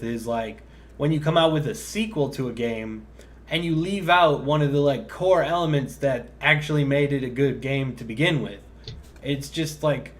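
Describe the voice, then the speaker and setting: A man's voice: mid-range voice, a little hiss or hum. A man co-hosting a casual gaming podcast, rambling through his point with lots of "like" and "kinda". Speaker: podcast co-host.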